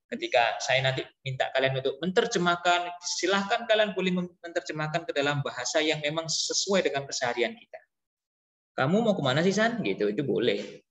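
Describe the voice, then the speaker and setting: A man teaching an Arabic lesson to a class, chatty and relaxed, asking pupils questions and repeating phrases slowly. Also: mid-range voice, echoey room, big-room sound, dull audio. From East Java.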